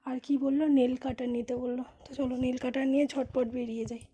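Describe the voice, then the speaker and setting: Woman, high-pitched, chatty home vlog, repeats herself, slightly hoarse, phone recording with a faint hum behind. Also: flat delivery, fast, mellow. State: hoarse from the heat. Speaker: vlogger. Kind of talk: casual vlog narration. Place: home, indoors and on a veranda. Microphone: phone camera.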